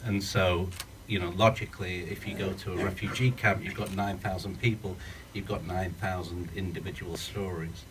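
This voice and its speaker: A man's voice: deep voice, steady tone, moderate pace, hardly any pauses, background noise. A man from the UK, a film's writer-director, earnestly thinking aloud at a post-screening Q&A in a screening room without a working mic. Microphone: no working mic, speaking up. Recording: distant room sound.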